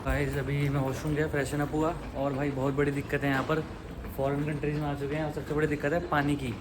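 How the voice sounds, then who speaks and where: A young man with a slightly high voice, chatting excitedly to his viewers as he films his trip. Loud engine and crowd noise presses in around him in busy airport halls. The sound comes from a handheld camera mic. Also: fast. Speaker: travel vlogger. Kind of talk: casual travel vlog. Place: airports and planes on the move.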